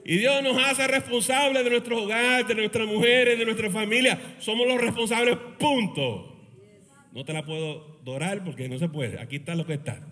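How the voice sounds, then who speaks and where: A male pastor preaching a sermon, animated and joking, with many rhetorical questions. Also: sits high, moderate pace. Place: church meeting in a school hall. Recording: reverberant hall.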